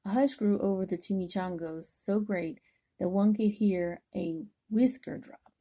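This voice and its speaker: An older woman reads a children's picture book aloud as a grandmother would. She takes her time in a slow, gentle pace, and her voice is soft and mellow, with the odd stumble over a tricky word. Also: medium pitch. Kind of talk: storybook read-aloud.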